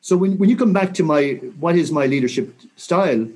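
A man in his sixties with a west of Ireland accent, talking reflectively and earnestly in an interview with measured, rhetorical phrasing. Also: a little high, darkish tone. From County Mayo, Ireland. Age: 60s. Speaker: interview guest, senior military officer.

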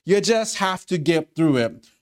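A man preaching a sermon in an earnest, conversational way, now and then calling out loudly. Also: fairly high pitch, expressive, unhurried. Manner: earnest, conversational preaching with sudden loud calls. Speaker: pastor.

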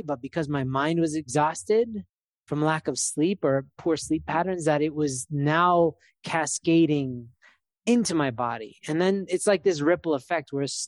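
A man's voice: fairly high pitch, no room sound, studio quality. A man in his thirties, co-hosting a podcast in casual chat, talking in a loose, reflective way with many fillers. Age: 30s. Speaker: podcast co-host.

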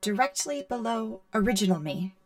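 A woman's voice: fairly high pitch, animated, moderate pace, dry recording, clean studio sound, natural voice. A woman voicing a literal-minded female android who halts and stutters, stuck on yes-or-no answers. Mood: plain.

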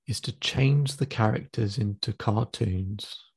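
A man acting as a therapist, leading a guided visualization exercise in a slow, calm, instructive way and counting the listener in. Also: lowish voice, vocal fry, slightly rough, no room sound, clean studio sound. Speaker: therapist guiding a client.

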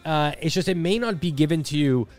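A man's voice: a little high, a little fast, soft background music. Candid man in his thirties, casual podcast talk. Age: 30s. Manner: candid, self-deprecating, swears casually. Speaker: podcast co-host. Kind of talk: casual reflective chat.

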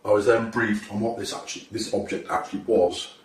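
In an online video, a self-styled time traveller from Britain speaks in a steady tone through a pitch-shifter that makes his voice deeper. His delivery stumbles, full of pauses and filler words, and the sound is distant and roomy with a little background noise.

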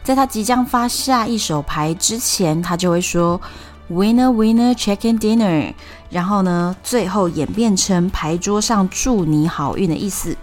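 A woman with a Taiwanese Mandarin accent hosting a storytelling podcast, explaining things in a chatty way with drawn-out sentence particles. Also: lowish voice, faint music behind. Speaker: podcast host.

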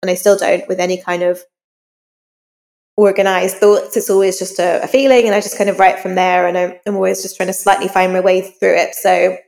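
This crime novelist speaks fairly quickly in a lowish, flat voice with vocal fry and a dark tone. Guesting on a podcast, she answers casually and thinks out loud, all in an echoey, hall-like recording.

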